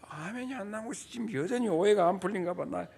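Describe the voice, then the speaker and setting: A middle-aged man gives a lively sermon in a high, light voice. He talks in a folksy, joking way and acts out quick scenes from home and school. He keeps pulling the congregation in to answer together. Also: gravelly, husky. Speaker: pastor.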